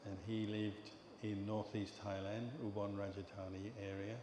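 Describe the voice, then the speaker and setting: An older English man, a Buddhist monk, giving a dharma talk in a calm, measured storytelling way. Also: on the low side. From England. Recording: echoey hall with long reverb and background noise.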